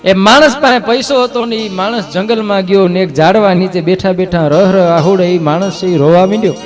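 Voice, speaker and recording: A man's voice: sits high, fairly quick, faint music behind. A man, telling a folk tale on stage in a dramatic, preacherly manner. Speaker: folk storyteller. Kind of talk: live folk storytelling performance. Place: live stage show. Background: musical instruments playing.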